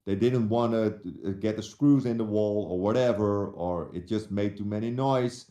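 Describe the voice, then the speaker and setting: A man's voice: fairly low pitch, moderate pace, warm tone, reverberant. A man from the Netherlands with a Dutch accent, a guest telling his story in casual chat, hesitant and full of restarts. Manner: hesitant, many restarts and fillers.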